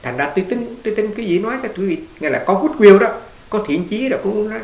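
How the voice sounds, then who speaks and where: A man's voice: high-pitched, animated, fast, darkish tone. A man, a Buddhist monk giving a conversational dharma talk, telling stories and putting questions to his listeners. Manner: conversational, storytelling, asks the audience questions. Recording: echoey room with faint hiss.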